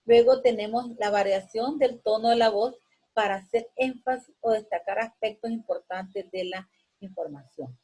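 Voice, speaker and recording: A woman's voice: on the high side, moderate pace, mellow, husky, rough recording. A woman teacher explaining a lesson patiently with everyday examples, often tagging her sentences with a questioning check and hesitation fillers. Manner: keeps adding a questioning tag, with frequent hesitation fillers.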